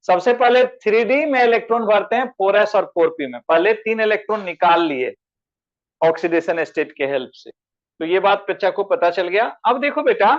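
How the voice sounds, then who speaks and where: A man's voice: high voice, lively intonation, moderate pace, muffled recording. A male chemistry teacher giving an online class lecture, calling students by name and asking them questions. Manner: addresses students as beta, asks them questions.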